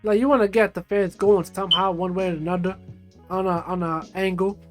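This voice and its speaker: A man's voice: high-pitched, fairly even intonation, brisk, faint music behind. A man hosting a reaction video, talking loosely and casually with lots of "like" and "uh". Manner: loose and conversational, many fillers like "like" and "uh".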